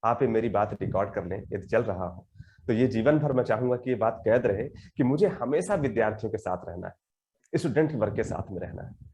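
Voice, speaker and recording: A man in his thirties speaks as a guest poet, earnest and reflective. His pitch moves in a lively, animated way, and he recites his verse slowly, building emphasis line by line. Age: 30s. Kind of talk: conversational interview with poetry recitation.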